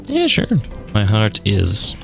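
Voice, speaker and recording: A man reading a deadpan woman poet. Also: lowish voice, slow, gravelly, faint music behind, voice pushed down, full character voice.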